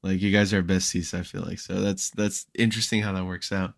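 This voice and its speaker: Young male guest, low voice, loose and chatty, dry close mic. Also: a little fast, vocal fry, dry recording. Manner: relaxed storytelling with frequent fillers and restarts. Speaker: podcast guest, Minecraft creator. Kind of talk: casual podcast chat.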